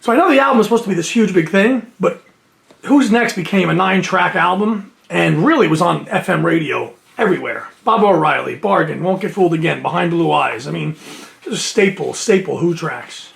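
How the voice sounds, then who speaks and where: Indoors at home beside his shelves, a man unboxes a music box set for his video, reading the liner notes with enthusiasm and sniffling from allergies. He's a music collector and host with a high, creaky, fairly bright voice, speaking briskly in a casual chatty way.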